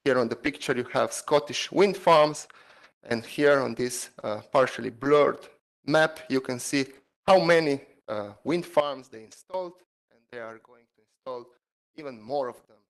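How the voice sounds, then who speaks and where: A man, a PhD student, giving an online seminar talk over a video call, halting with many fillers and non-native phrasing. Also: mid-range voice, low-quality recording.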